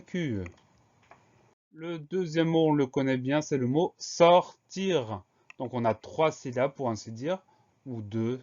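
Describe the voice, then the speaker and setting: A man teaching a spelling lesson, calmly breaking words into syllables and spelling them out letter by letter in a clear, methodical way. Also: mid-range voice, lo-fi sound. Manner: slow, clear, methodical dictation.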